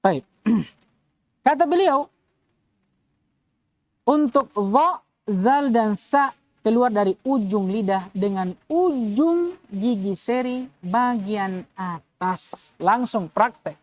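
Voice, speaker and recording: A woman gives a tajwid lesson at an unhurried, deliberate pace. She sounds out each letter several times for her students and often stops to ask whether they have understood. The voice sits fairly high and the sound is dry and close. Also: a little mellow, dry recording. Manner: checks understanding with short questions. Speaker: Quran recitation teacher.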